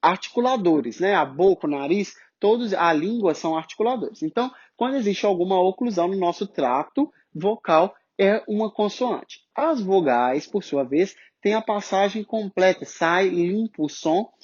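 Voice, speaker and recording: A man's voice: sits high, expressive, a little mellow. Brazilian male teacher, patient step-by-step explainer, slightly dull recording. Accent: Brazilian Portuguese. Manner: explains step by step, repeats sounds slowly to demonstrate. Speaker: English pronunciation teacher. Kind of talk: online phonetics lesson.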